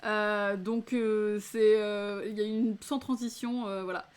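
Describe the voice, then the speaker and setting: A woman from France giving a casual, chatty film debrief, laughing often and filling pauses with hesitations. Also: medium pitch, level tone, clear, resonant tone. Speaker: film reviewer. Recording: faint music behind.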